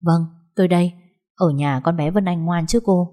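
A young father speaks tenderly to his crying daughter, as a woman reads his lines. His voice is soft and low. It is a storybook character. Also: moderate pace, lightly acted. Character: worried gentle young father.

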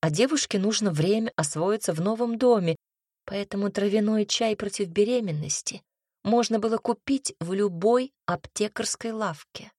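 A woman reading a first-person audiobook in a measured, wry way. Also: medium pitch, darkish tone, no echo, clean studio sound. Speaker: audiobook narrator.

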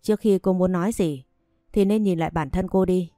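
A woman reading aloud as a spiteful mother-in-law in a storybook reading, tearing into her son's wife with insult after insult, her voice low and mellow with no room sound around it. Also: fairly even intonation, fairly quick, no room sound, clean studio sound, faint music behind, natural voice. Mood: scornful, scolding. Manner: shrill insulting scolding. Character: harsh scornful older mother-in-law, domineering woman.

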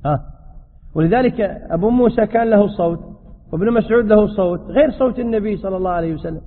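Man, sheikh, religious lesson, answers questions, tinny echoing hall recording. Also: high voice. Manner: quick, explanatory, answers questions. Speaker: sheikh teaching fiqh. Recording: tinny, echoey hall sound.

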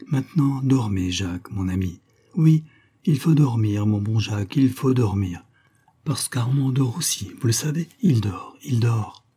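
A man voicing a gentle, dreamy young woman who speaks in a soft, lulling voice to a wounded man in an audiobook. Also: medium pitch, animated, unhurried, slightly rough.

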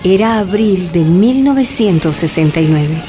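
Over music, a woman narrates a scripted radio drama in a measured way, telling the history of a woman miner. She speaks at a moderate pace with a fairly low, animated, natural-sounding voice.

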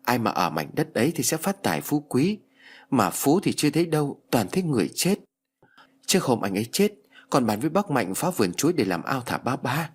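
A man's voice: medium pitch, big pitch swings, a little fast, slightly rough. A man voicing a frightened, tearful young widow in an audiobook ghost story. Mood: fearful. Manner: tearful, fearful storybook dialogue.

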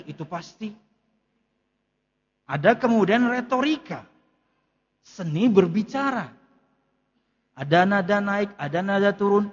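Here a man with a high-sitting voice teaches a religious kitab study as an ustadz, reading Arabic and unpacking it line by line in relaxed Indonesian. The lo-fi recording has a long reverb tail.

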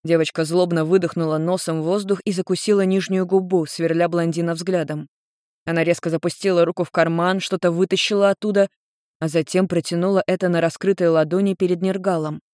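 A man narrating an audiobook in an even, measured storytelling voice. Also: high voice, dry recording, studio quality.

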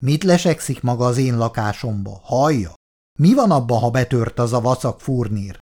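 A man voicing a rude, quarrelsome younger tenant who snaps and mocks in a gruff, loud way, in an audiobook reading. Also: medium pitch, lively intonation, lightly acted. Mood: hostile. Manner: gruff, shouting, mocking.

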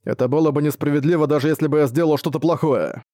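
A man's voice: on the high side, fairly even intonation, fast talker, warm tone, no room sound, lightly acted. A man voicing a male orc warrior who speaks in short, blunt questions, recorded dry. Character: brutal orc warrior, male, gruff and weary.

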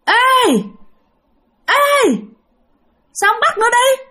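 A woman voicing a taunting pale demon that yells and jeers in a shrill voice, in a spoken ghost story. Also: extremely slow, exaggerated voice. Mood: yelling. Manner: shrill, yelling and jeering.

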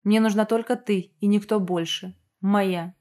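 A woman's voice: medium pitch, steady tone, measured pace, a little mellow, lightly acted. A woman reading an obsessive werewolf man. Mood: roaring, demanding. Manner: growling, insistent, possessive. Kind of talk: audiobook character voicing.

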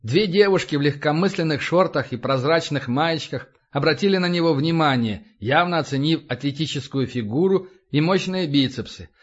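Male audiobook narrator with a fairly high voice and even delivery, muffled lo-fi recording. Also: normal speed, hardly any pauses. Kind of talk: audiobook narration of an action novel.

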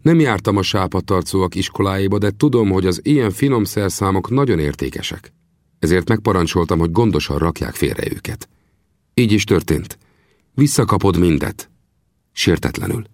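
A man's voice: low voice, animated, no echo, studio quality, pitched above the performer's own voice. A man voicing a proud, earnest young male Apache chief in an audiobook, speaking solemnly and with reproach. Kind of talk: audiobook character voice.

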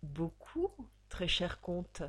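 A woman's voice: lowish voice, very animated, drawn-out words, fairly bright tone, full character voice. A woman voicing an insolent male blackmailer in an audiobook, with a taunting, sneering manner. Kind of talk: audiobook character reading.

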